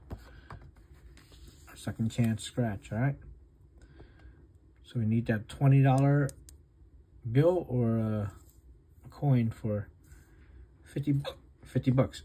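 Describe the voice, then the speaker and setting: A man with the hiccups casually narrating as he scratches lottery tickets, reading off the numbers one at a time in a low-key way. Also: steady tone, slow pace, long pauses, mellow, husky. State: has the hiccups.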